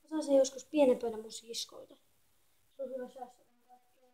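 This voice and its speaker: A thirteen-year-old girl chatting quietly and rambling in a casual home vlog, filmed on a phone in an echoey bedroom. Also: high-pitched. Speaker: vlogger. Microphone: phone camera.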